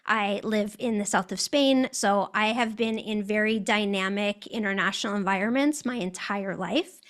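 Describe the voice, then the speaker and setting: A woman's voice: mid-range voice, normal speed, a bit bright. A woman with an American accent, a guest telling her story in an interview, articulate and reflective.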